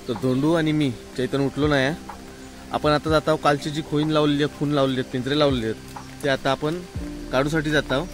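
A man in his thirties with a Malvani Marathi accent, chatting while walking, filmed selfie-style on a phone under an umbrella in the rain. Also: on the high side. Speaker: village vlogger. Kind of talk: casual walking vlog. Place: rainy hillside forest, outdoors under an umbrella. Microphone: phone at arm's length, selfie. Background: rain and background music.

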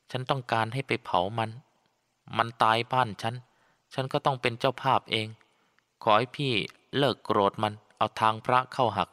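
A man's voice: medium pitch, pushed and bright, close to an everyday voice. A man voicing a tearful, scheming woman, the father's younger sister, in a storybook audiobook who talks in a weepy, pleading way. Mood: soft insistent. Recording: long reverb.

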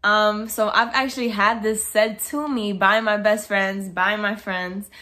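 Speaking unhurriedly at a medium pitch, a young woman in her twenties chats to camera as a vlogger inside her bedroom. She comes across as outspoken and blunt, her hands animated as she talks.

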